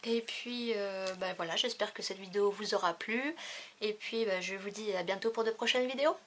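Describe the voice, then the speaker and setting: A woman's voice: mid-range voice, normal speed, a little hiss or hum. A French woman chatting casually through a crafting haul video, with many fillers as she shows her purchases. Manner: chatty, many fillers, counting and showing items. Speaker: crafting vlogger.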